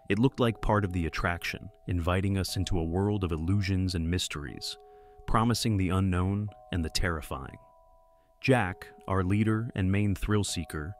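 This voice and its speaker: A man giving steady, measured, scripted narration of a first-person horror story. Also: low-pitched.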